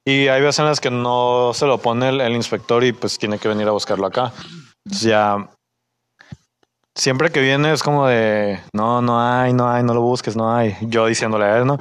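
A man's voice: mid-range voice, moderate pace, clean tone. A young man with a Mexican accent, casually telling a work story and acting out his coworkers' lines. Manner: animated, acts out coworkers' lines in raised voices; uses Mexican slang.

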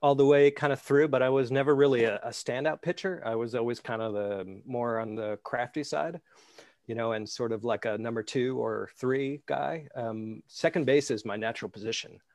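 A man's voice: mid-range voice, normal speed, darkish tone, no echo. A man, telling casual stories as a guest and hesitating with many fillers. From New York, USA. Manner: rambling, anecdotal, hesitant with fillers. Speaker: amateur baseball pitcher, guest. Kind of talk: casual interview storytelling. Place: flat in Scotland.

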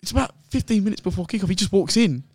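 Young man rambling excitedly on a podcast. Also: high-pitched, racing, husky, no room sound. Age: young adult. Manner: rambling, excitable storytelling with many fillers. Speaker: guest host. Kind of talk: casual podcast chat.

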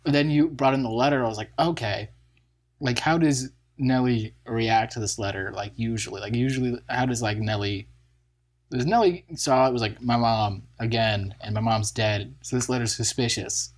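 A man's voice: mid-range voice, normal speed. A man co-hosting a storytelling podcast, rambling through his thought process with lots of filler words. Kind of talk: casual chat.

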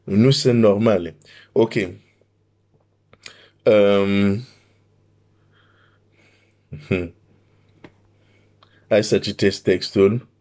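A man from Romania preaching a sermon, reading Bible verses aloud and then commenting on them with animated emphasis. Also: on the low side, pauses often.

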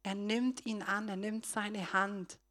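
Woman, preacher, sermon, middle pitch, speaks straight to the listeners, shifts between soft and strong. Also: steady tone, slow. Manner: retells a story with acted voices.

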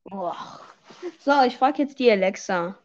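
A woman's voice: mid-range voice, lively intonation, measured pace, highs cut off. A young woman hosting a casual podcast chat, teasing and exclaiming in slangy talk. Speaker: podcast host. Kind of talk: casual chat while gaming.

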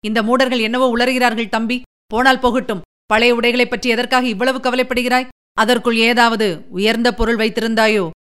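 A woman reading the part of a stern older male fort commander, speaking with command and a slightly lowered voice. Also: level tone, normal speed, a bit bright, clean tone, lightly acted.

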